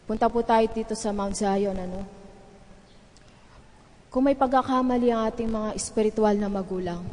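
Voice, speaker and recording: A woman's voice: mid-range voice, moderate pace, darkish tone. Earnest woman pastor preaching. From Philippines. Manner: earnest, conversational preaching with asides to the congregation. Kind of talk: sermon. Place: large church sanctuary. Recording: echoey church hall reverb.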